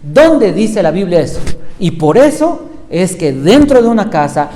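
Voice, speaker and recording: A man's voice: high voice, very animated, a little slow, dark tone. A male pastor giving a sermon, retelling Bible stories and putting questions to his listeners. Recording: echoey hall with faint noise.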